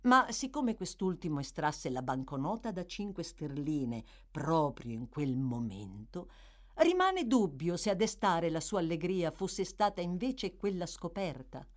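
A woman narrating a classic novel as an audiobook, with expressive, dramatic storytelling. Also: on the low side, a little slow. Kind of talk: scripted literary narration.

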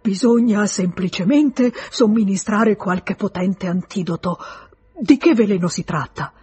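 A woman's voice: mid-range voice, unhurried, mellow, husky. A woman reader voicing a pompous, self-assured male pharmacist who lectures. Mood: lecturing.

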